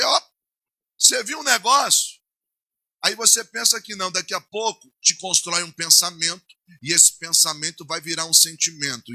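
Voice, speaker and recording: A male pastor with a Brazilian Portuguese accent preaching a sermon, swinging between loud declarations and hushed asides. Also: a little high, no echo.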